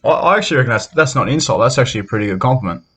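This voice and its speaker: A man's voice: medium pitch, animated, rapid-fire, a bit bright, slightly rough. An Australian man hosting a casual podcast, bantering in a matey, sweary tradesman's way. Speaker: podcast host.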